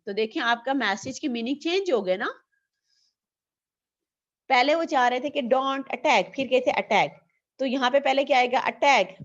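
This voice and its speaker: A woman teacher gives an online lecture with a slightly high voice, asking questions and answering them herself. The audio is dull and lo-fi.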